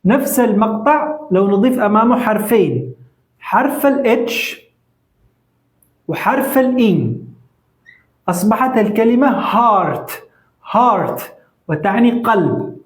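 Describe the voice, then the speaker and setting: A patient teacher with a Saudi accent walks through a short vocabulary lesson. The delivery is deliberate, with frequent checks that listeners are keeping up. The voice sits at a middle pitch in a noticeably echoey room. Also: lively intonation. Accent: Saudi Arabic. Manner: patient, deliberate, checks understanding with repeated questions. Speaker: English teacher. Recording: roomy echo.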